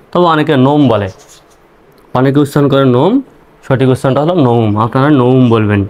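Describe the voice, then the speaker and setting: Man, English teacher, spelling words letter by letter, repetitive, middle pitch. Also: darkish tone. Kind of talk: spelling-out reading lesson.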